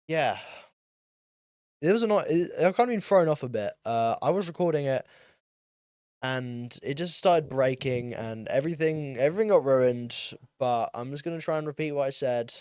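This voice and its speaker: A man's voice: mid-range voice, a little mellow, clear, resonant tone, dry recording, clean studio sound. A young man in his late teens hosting a solo podcast, rambling in a casual, self-deprecating way with lots of ums and likes. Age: young adult, turning twenty. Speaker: podcast host.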